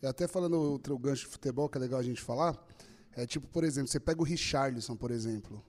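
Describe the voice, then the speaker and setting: A man's voice: mid-range voice, darkish tone, in a large hall. A man hosting a podcast, talking in a casual, slang-heavy way and swearing often. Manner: fast slangy talk, lots of swearing. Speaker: podcast host.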